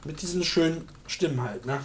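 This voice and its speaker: A man with a somewhat high-pitched voice talks through technical matters in a casual chat. He is colloquial and often ends a remark with a short questioning tag. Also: expressive, brisk, a little hiss or hum. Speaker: discussion participant demonstrating software.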